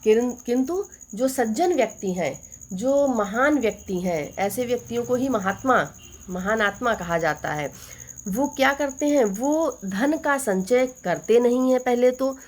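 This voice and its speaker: A woman teaching a Hindi poetry lesson, walking students through couplets line by line. She keeps asking rhetorical questions and then answers them herself. When she quotes a verse, she slows down and recites it deliberately. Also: a little high, expressive. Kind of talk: exam-focused poetry lesson.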